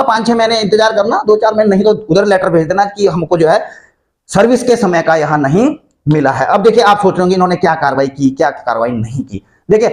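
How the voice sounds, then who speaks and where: A man hosting an online channel, explaining rules to viewers in a chatty, conversational way, often calling them friends. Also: sits high. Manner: chatty, addresses viewers as friends, frequent fillers and restarts. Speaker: YouTube channel host explaining army pension rules.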